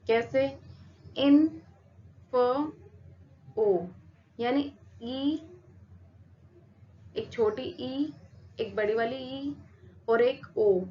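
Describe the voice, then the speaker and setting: A woman teacher explaining a lesson slowly and patiently, repeating each example word. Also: on the high side. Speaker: English teacher. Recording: dull lo-fi sound with faint noise.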